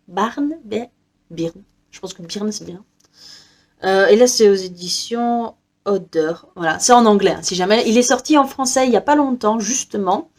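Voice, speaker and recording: A young woman from Belgium chatting casually about her reading list, hesitant with many fillers and frequent small laughs. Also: medium pitch. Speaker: book vlogger. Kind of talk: casual book haul chat.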